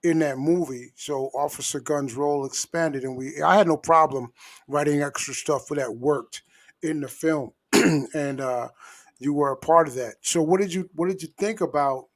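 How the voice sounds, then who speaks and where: A man hosting a relaxed interview show, his voice sitting a little high. He backs his guest up often and builds his questions slowly, circling before he lands on them. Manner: affirming, asks long wandering questions. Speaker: talk show host. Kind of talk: casual interview chat.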